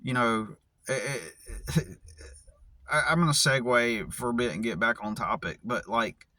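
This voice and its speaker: A man's voice: medium pitch, a little slow, pushed and bright, no room sound. Profane ranting American man, dry sound. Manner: profane, angry ranting with many restarts. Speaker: vlogger. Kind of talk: casual vlog rant.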